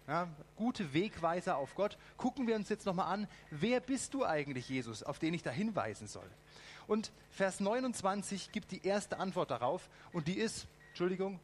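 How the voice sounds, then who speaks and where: A man preaching a lively sermon, asking the congregation direct questions and adding ironic asides. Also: on the high side, a little hiss or hum.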